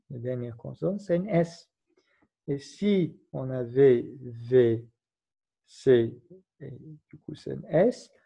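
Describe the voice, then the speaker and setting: The clip is a dull, lo-fi recording of a male teacher's grammar lesson. With a creaky, medium-pitched voice, he patiently lays out the rules and spells letters out one at a time.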